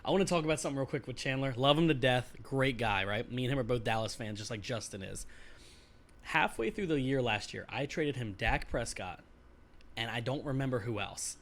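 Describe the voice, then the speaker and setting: A man hosting a casual podcast, his voice mid-pitched and ordinary. He talks in an easy, conversational way and tells stories at a relaxed clip. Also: fairly quick. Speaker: podcast host. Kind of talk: casual fantasy football chat.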